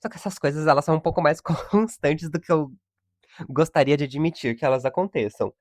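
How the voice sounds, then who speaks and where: A man's voice: fairly high pitch, a little fast, dry recording, studio quality. A young man hosts a solo podcast, ranting in exasperation about everyday annoyances and laughing often. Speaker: podcast host. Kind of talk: casual solo podcast monologue.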